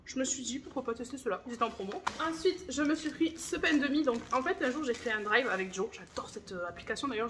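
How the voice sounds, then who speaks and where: A woman's voice: sits high, noisy background. A woman in her thirties, chatting casually and enthusiastically as she shows off her groceries in a vlog. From France. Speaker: vlogger. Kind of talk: casual grocery haul chat.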